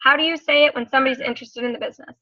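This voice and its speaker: A woman's voice: high-pitched, fairly even intonation, bright, forceful tone, no echo, highs cut off. Upbeat woman leading a video call. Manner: upbeat, enthusiastic, quick to praise. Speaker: team leader hosting a video call. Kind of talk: casual team meeting talk.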